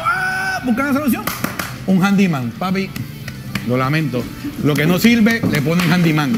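An actor playing a folksy know-it-all man who preaches old ladies' wisdom in a TV comedy sketch. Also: high-pitched. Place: TV studio sketch set.

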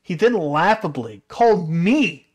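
A man's voice: high voice, animated, unhurried. A man telling a story about his roommate in an exasperated, incredulous rant full of swearing. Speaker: vlogger telling a personal story.

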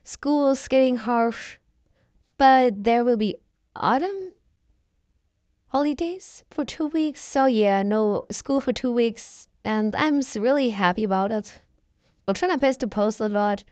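Speaking slowly but animatedly, a content creator rambles casually in a vlog with a voice changer filter making them sound young. The pitch is medium and a little mellow, with no room sound and the highs cut off.

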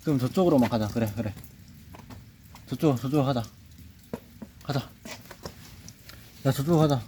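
A man's voice: mid-range voice, normal speed, warm tone. A man vlogging outdoors, nervously muttering to himself and coaxing an animal along. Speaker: nature vlogger. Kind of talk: casual self-talk while handling an animal. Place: outdoors by a reservoir on a rainy day. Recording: outdoor recording with clear background noise.

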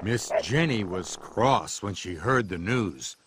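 Brief: male storybook narrator, animated and unhurried. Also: lowish voice, slight background noise. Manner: lively, expressive storytelling. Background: music.

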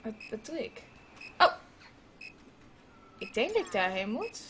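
The woman's voice is fairly high, very animated, unhurried and a bit bright, with a little hiss or hum in the background. Gaming at home on headphones, she keeps up swear-heavy, casual talk with her viewers, dropping in English phrases.

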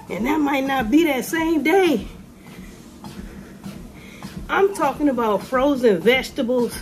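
A middle-aged woman rants in a sassy, animated vlog, her voice pitched a little high and her words drawn out slowly. She talks into a phone camera held low in a room, with a faint hiss of noise behind her. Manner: animated, ranting, sassy, with sudden high exclamations. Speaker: vlogger. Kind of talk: casual commentary to camera. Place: room with ceiling lights, indoors. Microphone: phone camera held below face.

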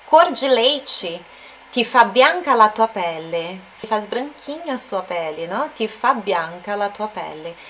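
A woman's voice: mid-range voice, sing-song, a bit bright, a little hiss or hum. Woman teaching Italian through a song. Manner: explains slowly, repeats words and checks in with tag questions. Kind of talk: language lesson analyzing a song.

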